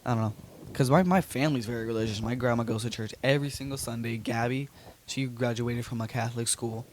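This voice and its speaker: A man's voice: mid-range voice, steady tone, quick pace. A young man co-hosting a casual podcast, talking hesitantly with many fillers. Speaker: podcast co-host. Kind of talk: casual chat.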